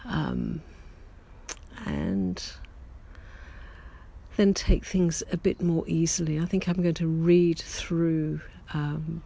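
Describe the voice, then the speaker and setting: In a daily audio diary, a writer talks to listeners slowly and reflectively, gently and haltingly, pausing a lot and correcting themselves. Their medium-pitched voice is a little hoarse, as they are recovering from losing it that morning.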